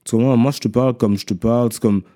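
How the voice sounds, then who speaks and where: A man's voice: medium pitch, fairly even intonation, quick pace, mellow. A man in casual chat, slangy and repetitive, mixing in English words. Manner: slangy, mixes English into French, repeats himself. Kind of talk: casual chat about rap.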